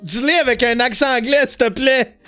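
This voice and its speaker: A man's voice: extremely high pitch, moderate pace, bright, forceful tone, faint music behind. A man with a Québécois French accent hosting a podcast, making crude, mocking jokes and laughing as he reacts to clips. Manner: mocking, laughing, vulgar banter. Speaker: podcast host. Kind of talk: crude comic commentary on clips.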